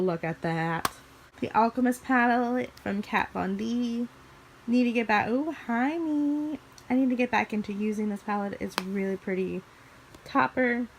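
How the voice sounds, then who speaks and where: Here a young woman's voice runs on the high side with a darkish tone, slightly scratchy because of allergies. She's a beauty vlogger from Missouri, USA, rambling chattily about her makeup collection and restarting now and then. The setting is her bedroom, indoors.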